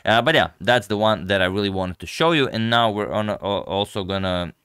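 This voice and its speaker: A man with a low, bright voice talks through a chess game move by move. His delivery is measured and explanatory, casual in style, with a very clean, dry close sound. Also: clean tone, no room sound. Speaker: chess commentator and channel host.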